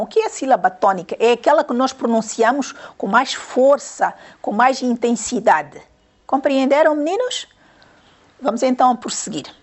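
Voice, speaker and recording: A woman teacher with a slightly high voice gives young pupils a grammar lesson. She patiently repeats her questions and counts syllables out loud.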